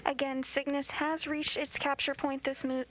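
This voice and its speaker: High-voiced woman commentating live. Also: little pitch movement, moderate pace, a bit bright. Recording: slightly dull sound, faint hiss.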